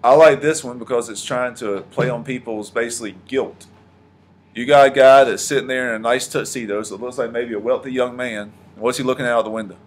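A man's voice: mid-range voice, fairly even intonation, a little fast. A man teaching history to a class, questioning the students and echoing their answers. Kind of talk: classroom lesson.

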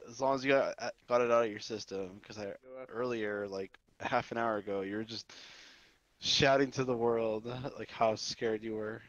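A man's voice: on the low side, fairly even intonation, normal speed, a bit bright, no echo, dull audio. A man from the United States chatting casually in a virtual world, often laughing and amused. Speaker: VR chat player. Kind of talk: casual chat. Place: online virtual world voice chat.

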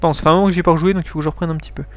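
A man's voice: fairly high pitch, steady tone, rapid-fire. A man reading game text aloud and chatting casually over his playthrough, swearing at his slip-ups. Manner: chatty, swears when he slips up. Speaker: let's play host.

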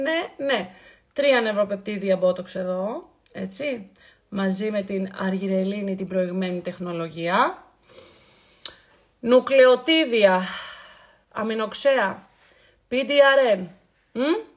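A woman hosting a casual live skincare stream. She talks in a chatty, affectionate way, greets viewers by name and playfully repeats words for emphasis. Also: mid-range voice. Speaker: beauty livestream host.

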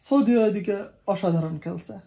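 A man's voice: sits high, normal speed, gravelly, dark tone. A man, bantering and laughing through a casual home argument. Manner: bantering, laughing while arguing. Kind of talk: casual chat. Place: home, indoors.

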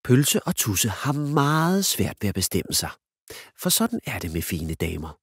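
A man narrates a children's storybook with a clear, animated delivery. His voice is lowish but swings up and down a lot. The room is dry and close. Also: no room sound. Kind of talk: storybook reading.

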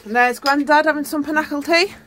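A woman's voice: high voice, fast talker. A middle-aged woman, chatting casually as she films a walking tour of her allotment garden. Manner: chatty, points things out as she walks. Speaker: vlogger. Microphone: handheld phone camera. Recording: loud wind and outdoor noise.

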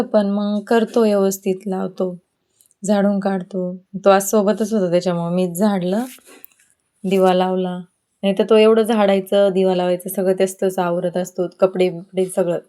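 A woman's voice: mid-range voice, mellow, dry recording, clean studio sound. Chatty woman on a farm. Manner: chatty, matter-of-fact, talks to her child while walking. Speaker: vlogger, farm mother. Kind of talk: casual vlog narration. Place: outdoors on a farm.

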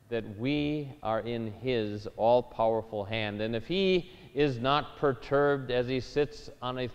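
A man preaching a sermon as a pastor, measured and deliberate, rising in emphasis on key phrases. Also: mid-range voice, a little mellow, smooth. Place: church sanctuary. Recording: dull lo-fi church recording with long reverb.

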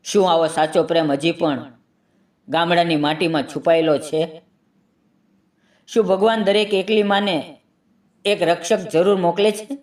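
Higher-voiced man narrating an emotional story. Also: steady tone, unhurried, long pauses, far from the mic. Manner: earnest, dramatic first-person storytelling.

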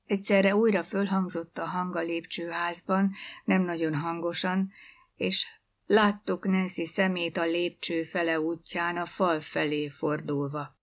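A woman reading a literary short story aloud in a calm, measured narrating voice. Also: fairly low pitch.

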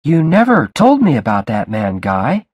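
A man voicing a soft-spoken young woman, a worried bride, in a read-aloud story. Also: medium pitch, huge pitch swings, measured pace, no echo, muffled recording, pitched above the performer's own voice. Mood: plain.

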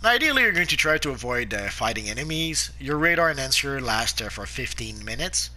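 A gameplay guide narrator with a sore throat and sniffles talks casually through a game guide, halting often with "uh" fillers and restarts. His medium-pitched voice swings widely and sounds pushed and bright.

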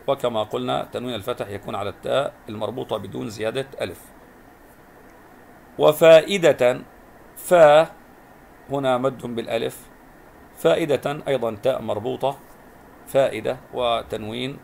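A man's voice: medium pitch, gravelly. A male teacher giving a recorded primary school lesson, stretching out and repeating syllables as he explains spelling.

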